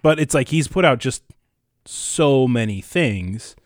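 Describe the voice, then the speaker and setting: A man's voice: medium pitch, expressive, takes it slowly, no room sound, studio quality. A man chatting casually about records in a gushing frat-bro way, peppering his talk with "dude" and "like".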